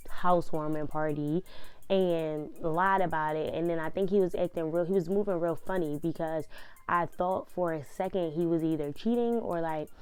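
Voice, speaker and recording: A young woman telling a story in a casual vlog, blunt and profane, animated as she goes. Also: sits low, clear, resonant tone.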